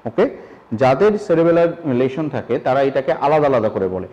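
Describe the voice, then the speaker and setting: A man's voice: mid-range voice, lively intonation, moderate pace. A man teaching a clinical examination, explaining each step and giving instructions to a patient as he demonstrates. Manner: gives patient instructions mid-explanation, repeats key terms. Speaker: medical instructor. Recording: muffled lo-fi recording.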